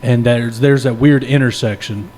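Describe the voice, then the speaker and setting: A man's voice: mid-range voice, steady tone, moderate pace, a little mellow, slight background noise. A man chatting and telling stories casually on a podcast, jokey and full of slang. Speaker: podcast co-host. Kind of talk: casual podcast chat and storytelling.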